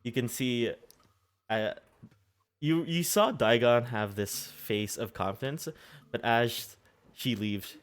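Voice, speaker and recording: A man working as game master, casually narrating a tabletop role-playing game in halting, improvised phrases. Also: medium pitch. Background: background music.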